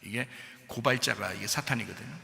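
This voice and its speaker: A man preaching a sermon as pastor, telling the story in animated, colloquial fashion and rising to shouts. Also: medium pitch, fast talker, gravelly. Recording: long church hall reverb.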